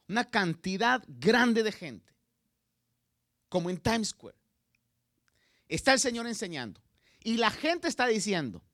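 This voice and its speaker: A man preaching a sermon, emphatic and dramatic, swinging between loud cries and quiet asides and speaking straight to his listeners. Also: high voice, no room sound, clean studio sound. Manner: addresses the listener directly with asides.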